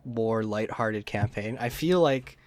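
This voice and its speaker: A man's voice: fairly low pitch, slow. A man hosting a casual chat, talking informally and circling back to rephrase himself. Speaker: podcast host interviewing a fellow player.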